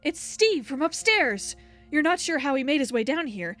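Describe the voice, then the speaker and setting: Woman as a high-voiced dramatic game narrator. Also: very animated, normal speed, fairly bright tone, soft background music. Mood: stern, dramatic. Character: stern storybook game narrator, insistent and ominous. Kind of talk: dramatic video game narration read aloud.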